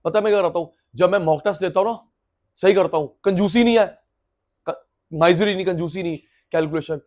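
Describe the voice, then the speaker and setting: A middle-aged man giving a lively, chatty classroom economics lecture, acting out students through everyday examples. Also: high-pitched, brisk. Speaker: economics teacher.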